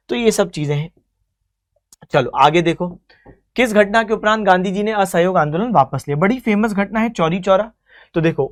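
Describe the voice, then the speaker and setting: Coaching teacher explaining exam questions. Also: mid-range voice. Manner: calls students "beta" and "bachche", quizzes and explains in a storytelling way; mixes English terms into the lecture. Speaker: exam-prep history teacher. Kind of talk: online exam-coaching lecture.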